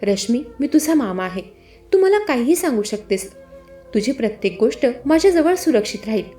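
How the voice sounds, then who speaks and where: A woman's voice: a little high, big pitch swings, normal speed, roomy sound, soft background music. A woman voicing a firm, stern adult man who argues with his wife and comforts his young niece. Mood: calm, firm. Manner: firm, stern, then gently reassuring. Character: angry but caring husband and uncle, adult man.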